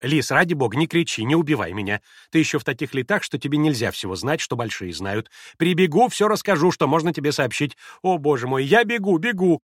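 A man reading aloud and voicing an excitable, effusive middle-aged society lady who talks in breathless exclamations. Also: fairly high pitch, a little fast, breathy edge, no echo, clean studio sound, exaggerated voice. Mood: frantic.

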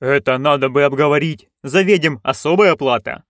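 A man's voice: a little high, moderate pace, fairly bright tone, no room sound, studio quality. A man doing timid nervous castle guards. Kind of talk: audiobook reading.

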